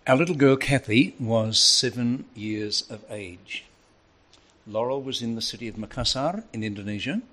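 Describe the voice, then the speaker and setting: An older man preaches to a small congregation, moving easily between personal story and teaching. His voice sits in an ordinary middle pitch, and his delivery rises and falls with the tale. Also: normal speed. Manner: storytelling, lively and varied delivery. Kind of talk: sermon.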